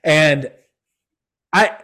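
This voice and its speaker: A man's voice: a little high, very slow, pushed and bright. A young adult man hosting a casual sports podcast, rambling with lots of fillers and slang. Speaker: podcast host.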